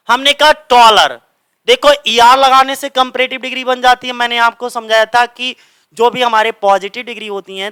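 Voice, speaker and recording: Bright-voiced male grammar teacher. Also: sits high, clean tone, dry recording. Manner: explains step by step, asks and answers his own questions; reads English examples slowly and deliberately. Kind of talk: exam-prep grammar lesson. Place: coaching centre classroom.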